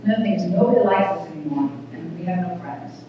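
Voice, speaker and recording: A middle-aged woman with a small, thin voice giving an earnest public talk at a community event, speaking plainly with halting restarts. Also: fairly low pitch, expressive, recorded from a distance, a little hiss or hum. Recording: echoey hall recorded from afar, dull.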